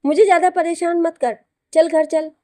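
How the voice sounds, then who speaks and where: A woman's voice: sits high, a little slow, dark tone, no room sound, studio quality. A woman voicing a tired young mother who sounds weary and exasperated.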